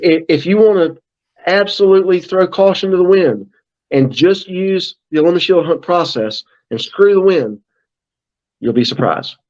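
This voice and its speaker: On a podcast, a middle-aged brand manager chats casually as a guest. His voice is high and a little mellow, the sound lo-fi, and he's talkative, full of fillers and restarts.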